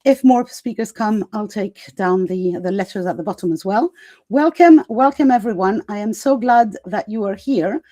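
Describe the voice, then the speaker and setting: A woman's voice: mid-range voice, normal speed, hardly any pauses, warm tone, dry recording. A woman hosting a live online panel, welcoming viewers in a chatty way, repeating her greetings and talking through the setup as she goes. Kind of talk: casual live-stream welcome.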